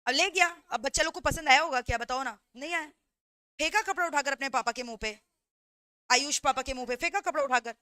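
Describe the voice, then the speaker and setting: A woman law teacher giving an animated revision lecture through stories, mixing in English phrases and constantly checking that students follow along. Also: sits high, a little fast, dry recording, clean studio sound.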